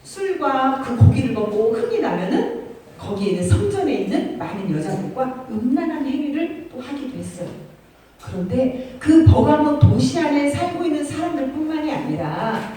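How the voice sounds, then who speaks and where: High, lively woman preaching to kids. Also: normal speed, a little hiss or hum. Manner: animated storytelling, addressing children directly. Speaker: children's ministry teacher. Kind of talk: sermon for children. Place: church. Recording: very echoey room, mic far off.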